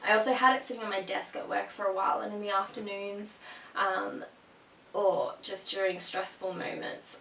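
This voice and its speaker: Gravelly and fairly bright at a medium pitch, this young Australian woman has a cold and sniffles a bit as she gushes to camera in a casual product chat, full of ums. The vlog is recorded from a distance in a roomy space with a faint hum.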